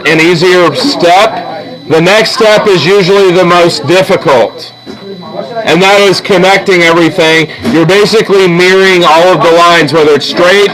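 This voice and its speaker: A man with a high voice teaches a drawing lesson step by step in a casual way, often checking that his listeners are following along. He is an art teacher, and the audio quality is poor.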